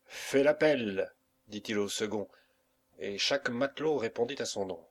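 A man narrating a classic novel as a volunteer audiobook reader, with measured, dramatic phrasing. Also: lowish voice.

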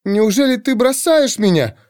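A man's voice: sits high, very animated, normal speed, a little mellow, no room sound, studio quality, voice pushed up. A man voicing a frightened young noblewoman who begs her lover in a trembling voice. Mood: pleading. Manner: trembling, begging.

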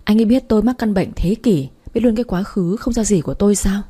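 A woman narrating a first-person love story aloud in a plain, even storytelling manner. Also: medium pitch, quick pace, husky.

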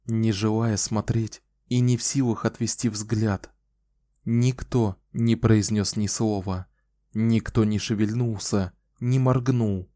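A man reading an audiobook as narrator, with measured storytelling. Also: on the low side, fairly even intonation, warm tone, no echo, studio quality. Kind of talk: scripted narration.

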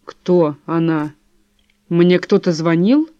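A woman's voice: medium pitch, normal speed, a little mellow, no room sound, highs cut off, close to an everyday voice. A woman voicing a nervous, evasive husband who snaps defensively. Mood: tense. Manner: tense, defensive, snapping. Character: nervous, evasive husband, middle-aged man. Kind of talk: audiobook character voice.

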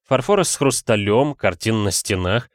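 A man's voice: on the low side, animated, moderate pace, dry recording, clean studio sound, close to an everyday voice. A man voicing a shameless, flowery police detective who heaps florid compliments in an audiobook. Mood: fawning. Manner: florid, fawning, theatrical. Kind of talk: audiobook character voice.

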